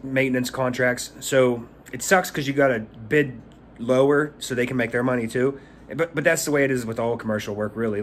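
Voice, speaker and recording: In a casual vlog shot on an arm's-length phone in a small room, a thirtysomething pressure washing business owner gives rambling advice, stumbling and repeating himself. His pitch is medium, with slight background noise.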